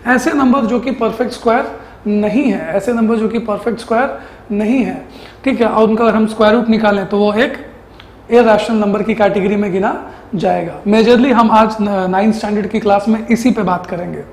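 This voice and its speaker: A man's voice: sits high, steady tone, a little fast, a little mellow. Male math tutor, classroom lesson, step-by-step questioning delivery, roomy echo. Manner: explains step by step, asking and answering his own questions; mixes English math terms into Hindi speech. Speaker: math teacher.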